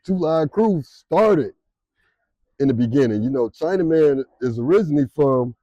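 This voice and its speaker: Man, interview guest; relaxed, slangy delivery, warm low tone, dry close sound. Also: moderate pace, no room sound, muffled recording. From Detroit, Michigan. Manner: laid-back, slangy, trails off with fillers. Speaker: interview guest, music promoter and rapper. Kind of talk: casual interview.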